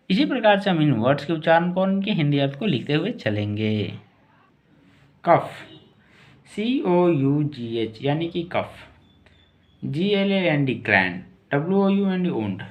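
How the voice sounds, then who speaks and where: Male teacher, slow and deliberate, spells out words letter by letter, repeats each word. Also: fairly high pitch, sing-song, dull audio. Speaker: English teacher. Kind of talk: spoken-word lesson.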